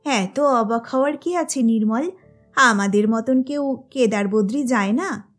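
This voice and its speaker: Storybook figure: a timid elderly mother with startled, pleading questions and a high voice, read by a woman narrator. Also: expressive, slow pace, soft background music.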